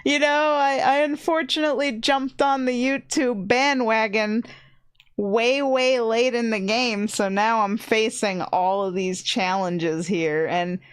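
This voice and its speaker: A woman's voice: fairly high pitch, steady tone, a little slow, clear, resonant tone. A woman in her thirties chatting casually on a stream, rambling with lots of "like" and frequent laughs. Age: 30s. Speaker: VTuber streamer.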